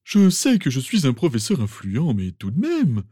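A man voicing a pompous, sentimental old male wizard professor, with theatrical, drawn-out exclamations. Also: mid-range voice, huge pitch swings, dark tone, slightly rough, no echo, studio quality. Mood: fussing. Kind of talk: fan audiobook reading.

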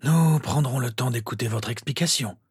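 A man voicing a courteous old male headmaster who speaks in a measured, soothing way. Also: mid-range voice, slightly rough, pitched above the performer's own voice. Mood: calm.

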